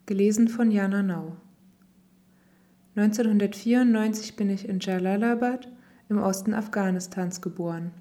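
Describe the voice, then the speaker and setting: A woman reading a personal first-person text aloud in a calm, even, reflective way. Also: medium pitch. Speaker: reader.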